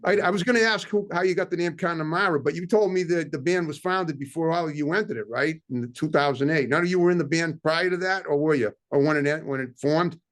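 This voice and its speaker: Brief: fast, slightly high-voiced male host, chatty interviewer. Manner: quick, chatty questions with restarts. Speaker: talk show host. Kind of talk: casual interview.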